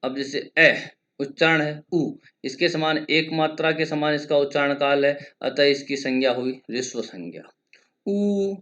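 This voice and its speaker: A male lecturer teaching Sanskrit grammar in a measured, explanatory way, stretching vowels to show their lengths and chanting grammar rules slowly. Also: fairly high pitch, steady tone, fairly bright tone. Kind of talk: exam-prep grammar lesson.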